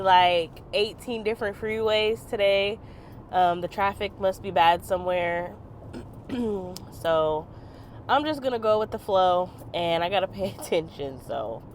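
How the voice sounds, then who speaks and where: A woman's voice: medium pitch, a little slow, slight background noise. A woman content creator with a congested, stuffy voice, chatting casually while driving. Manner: chatty, many fillers. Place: in a car, driving.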